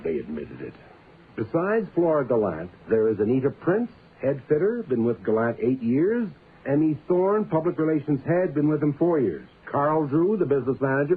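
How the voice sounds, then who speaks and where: Gruff no-nonsense police inspector grilling people, lively delivery, crackly narrow old radio audio. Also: male voice, medium pitch. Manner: blunt, insistent, interrogating. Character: gruff, skeptical, hard-nosed male police inspector. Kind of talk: radio detective drama acting. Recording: lo-fi, noisy old radio recording.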